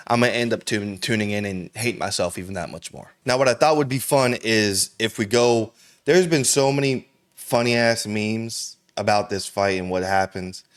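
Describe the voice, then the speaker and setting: A man hosting a reaction video, talking casually in slangy, profane, rambling speech and saying "bro" constantly. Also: medium pitch. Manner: rambling, with frequent restarts.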